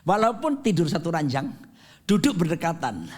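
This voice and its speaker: A pastor in his fifties preaching a sermon in a dramatic, animated way, mixing jokes and English phrases. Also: on the high side, moderate pace. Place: church sanctuary.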